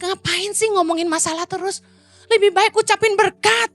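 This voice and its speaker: A woman's voice: very high-pitched, normal speed, a bit bright, no room sound. A middle-aged woman pastor, preaching a playful sermon and acting out the voices she quotes.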